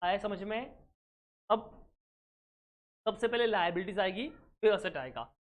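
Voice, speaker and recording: A man teaching accounting in a recorded exam-prep lecture, who keeps asking his class quick check questions and mixes English terms into his explanation. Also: sits high, expressive.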